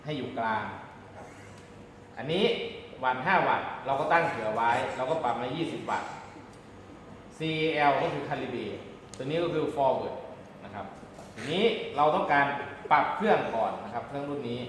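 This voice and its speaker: A man's voice: medium pitch, animated, moderate pace, long pauses, a bit bright. A man giving a hands-on demonstration lesson as an instructor, explaining politely step by step. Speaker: radio communications instructor. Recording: very echoey room, background noise.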